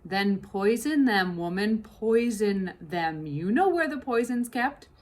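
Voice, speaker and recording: A woman's voice: sits high, big pitch swings, a little slow, pushed and bright, pitched above the performer's own voice, exaggerated voice. A woman voicing an impatient, commanding mistress of a house who gives curt orders, in a storybook reading.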